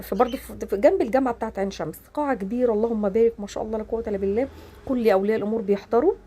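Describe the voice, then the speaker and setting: An Egyptian woman in her forties talks straight to her viewers from home at a rapid clip. Her voice is dark and a little husky, and her speech is full of oaths and blessings. She comes across as emotional and devout. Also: mid-range voice. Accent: Egyptian Arabic. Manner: emotional and devout, frequent religious phrases and oaths. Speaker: vlogger. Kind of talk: casual chat to camera. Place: home, during a power cut.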